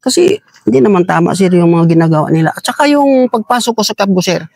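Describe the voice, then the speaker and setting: Male interviewee, high gravelly voice, dry close sound, earnest and angry testimony. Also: expressive, quick pace, darkish tone, no echo. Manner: earnest, addresses interviewer as sir repeatedly; angry and emphatic when recounting abuses. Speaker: interviewee, militia member. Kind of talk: conversational testimony.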